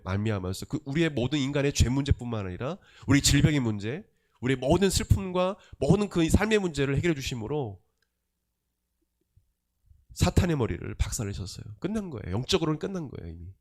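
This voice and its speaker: Animated Korean pastor preaching a sermon. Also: male voice, medium pitch. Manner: emphatic, rhetorical questions, swings between loud and soft.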